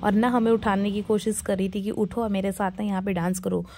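Mellow-voiced young mom narrating her day. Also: medium pitch, flat delivery, a little fast, slight background noise. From India. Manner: chatty, homely, talks straight to viewers. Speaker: vlogger, homemaker mother. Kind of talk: casual voice-over vlog narration.

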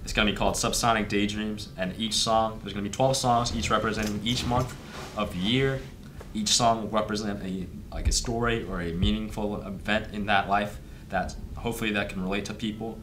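A man's voice: on the low side, fairly even intonation, brisk, background noise. A young man, the band's singer and guitarist, answering interview questions earnestly and ramblingly. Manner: earnest, rambling with many "like" fillers.

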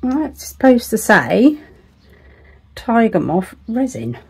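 A resin crafter at home, a woman with a higher, sing-song voice that's slow, a bit mellow and slightly rough. She thinks aloud as she works, making chatty, self-deprecating asides that now and then sink to a whisper, like casual crafting commentary.

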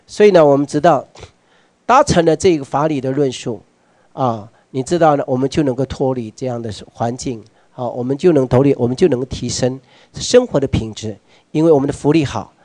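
A man with a Taiwanese accent giving a workshop lecture to a live audience. He puts questions straight to listeners and slips into Hokkien phrases, moving between quiet asides and loud urging. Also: medium pitch, fairly quick, no echo. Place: meeting hall with an audience.

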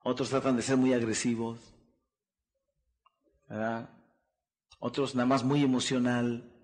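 A man's voice: medium pitch, little pitch movement, measured pace, darkish tone. A man speaking as a motivational speaker at a seminar, preaching in repeated rousing phrases and prompting the audience with questions. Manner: preachy call-and-response, asks the crowd "¿qué?" and "¿verdad?"; repetitive rousing delivery.

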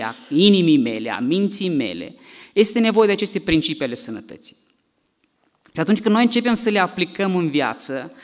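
A middle-aged man, a doctor, giving a lively health lecture to a church congregation, asking the audience questions and acting out cries. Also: a little high. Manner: animated, asks the audience questions, acts out cries.

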